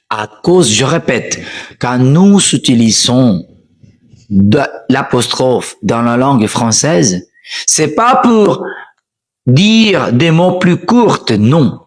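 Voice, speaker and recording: A man teaching in a podcast lesson. He explains emphatically, keeps asking rhetorical questions and repeats his points. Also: mid-range voice. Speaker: French teacher.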